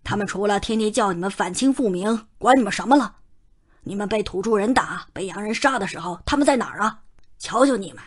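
A woman's voice: mid-range voice, animated, a little fast, husky. A woman voicing a stern young male Qing prince who scolds coldly and scornfully in an audiobook. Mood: furious scolding. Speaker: audiobook narrator.

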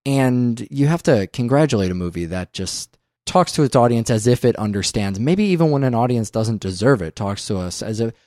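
A man co-hosting a casual film podcast, talking animatedly, swearing often and acting out scenes in quick voices. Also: mid-range voice, expressive, darkish tone, dry recording, clean studio sound. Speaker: podcast co-host.

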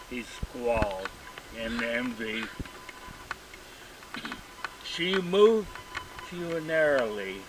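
A man reciting his own poem outdoors, in a very slow, deliberate, dramatic reading. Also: a little high. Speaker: poet. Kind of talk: poetry recitation. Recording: distant mic, outdoor noise and traffic.

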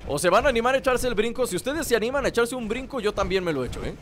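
A man's voice: very high voice, expressive, rapid-fire, fairly bright tone, soft background music. A man with a Mexican accent giving casual let's play commentary, playful and rambling as he plays. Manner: playful, rambling to himself and viewers. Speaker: gaming host. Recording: game noise behind the voice. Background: video game ambience.

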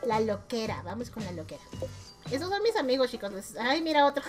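A chatty Mexican woman with a somewhat high voice rates her friends' game profiles in a relaxed, teasing way and laughs often. Faint music plays underneath her talk. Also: a little fast. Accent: Mexican Spanish. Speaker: gaming YouTuber. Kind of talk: casual chat while rating game profiles.

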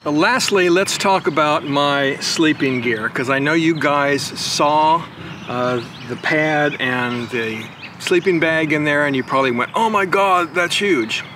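Speaking a little slowly in a fairly high voice, a motorcycle vlogger, an older man, shows his camping setup on the backyard lawn. The background is noisy, and his casual step-by-step talk keeps looping back with "again" and "right."

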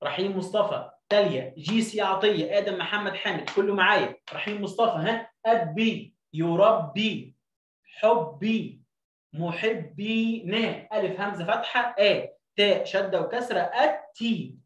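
A man with an Egyptian accent teaching children to read, stretching syllables out slowly and then explaining in quick bursts. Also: high voice, fairly bright tone, echoey room, far from the mic, muffled recording. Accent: Egyptian Arabic. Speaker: reading teacher. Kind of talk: children's reading lesson.

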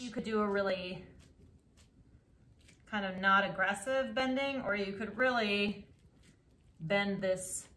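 Slow, bright-voiced woman teaching pottery. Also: a little high, slight background noise. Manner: calm, step-by-step explaining while working. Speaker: ceramics teacher. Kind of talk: instructional craft demonstration.

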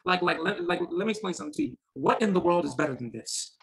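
A man in a casual group chat about a pilgrimage, animated and repeating words as he gets excited. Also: high voice, fast, gravelly, crowd noise, rough recording. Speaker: podcast panelist.

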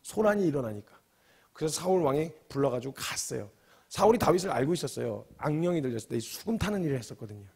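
A man preaching a sermon as a missionary, telling the story in an animated way that swings between loud outbursts and low asides. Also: fast, gravelly, slightly rough.

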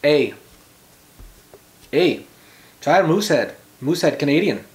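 A man's voice: fairly high pitch, expressive, unhurried, darkish tone, pitched below the performer's own voice. A man voicing a comic, friendly Canadian fellow with a muddled, fake foreign accent in a home video. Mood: jokey, friendly.

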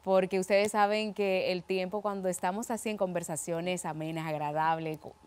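A woman's voice: fairly low pitch, fairly even intonation, smooth. Woman hosting a faith TV interview. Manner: measured, gentle, addresses viewers directly. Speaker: TV show host.

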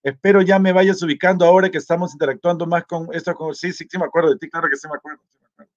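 A man's voice: a little high, fairly even intonation, rapid-fire, lo-fi sound. A man, hosting a live stream and casually reading out and answering viewer comments. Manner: chatty and easygoing, reads greetings aloud and answers them. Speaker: vlogger hosting a live chat contest.

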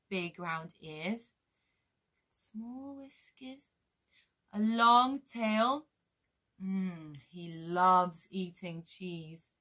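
A woman with a British accent leading a music lesson for toddlers, singing and telling a story in a slow, exaggerated way. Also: mid-range voice, pushed and bright. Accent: British English. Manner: sing-song, slow and exaggerated for small children. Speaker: children's music teacher. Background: guitar music.

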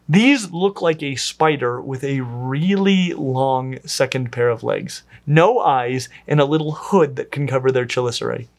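A man narrating nature facts, slightly high voice. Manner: dry wry asides. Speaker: educational video host. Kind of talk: scripted science narration.

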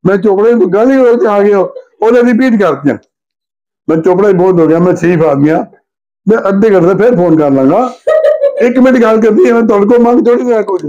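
A man's voice: sits high, fast talker, mellow. An older man tells a comic story, acting out both sides of a phone call in different voices. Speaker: joke teller. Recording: dull lo-fi recording.

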